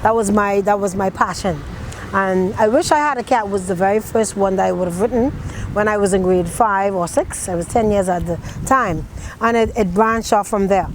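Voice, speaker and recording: A woman's voice: mid-range voice, moderate pace, slight background noise, low-quality recording. A woman from the Bahamas with a Bahamian accent, a poet who recites dialect poetry and talks about her writing in a rhythmic storytelling way.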